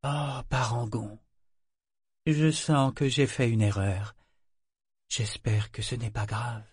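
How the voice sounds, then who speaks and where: A man voicing a gentle, troubled young woman bead maker in an audiobook, speaking softly, slowly and searchingly. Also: mid-range voice, fairly even intonation, breathy edge, no room sound, clean studio sound. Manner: soft, slow and searching.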